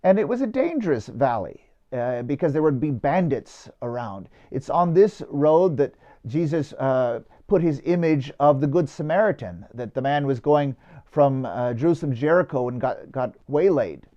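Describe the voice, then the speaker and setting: Man, priest, storytelling homily, conversational with fillers, mellow tone, lo-fi sound. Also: mid-range voice, expressive, normal speed.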